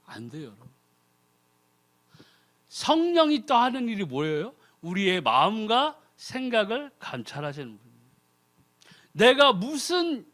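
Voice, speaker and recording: Guy preaching a sermon, really lively up-and-down delivery, keeps asking the congregation questions and mocking how people pray. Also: very high voice. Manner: mimics people's prayers in mocking put-on voices. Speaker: lay preacher, ordained deacon.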